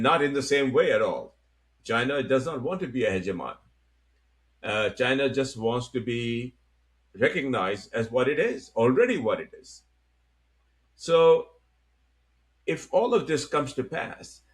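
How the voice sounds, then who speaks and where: A middle-aged man from Pakistan hosting a political discussion, speaking deliberately with frequent halting pauses. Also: medium pitch, fairly bright tone. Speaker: host.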